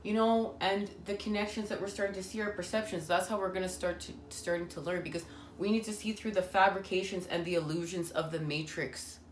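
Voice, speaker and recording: A woman's voice: lowish voice, steady tone, a little fast. A woman giving a spiritual tarot reading, talking earnestly and meandering with many fillers. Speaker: tarot reader. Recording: echoey room with faint ambient noise.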